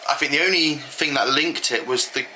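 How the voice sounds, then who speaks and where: A man's voice: a little high, brisk, pushed and bright, a little hiss or hum, rough recording. A British man co-hosting a vlog, chatting casually with frequent ums. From United Kingdom. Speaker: vlog co-host. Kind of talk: casual chat.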